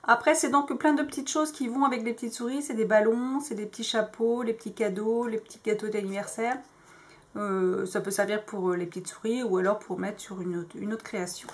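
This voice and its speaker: A woman's voice: mid-range voice, steady tone, a little fast. A woman vlogging in French, casually showing crafting dies with lots of hesitant fillers. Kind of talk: casual show-and-tell.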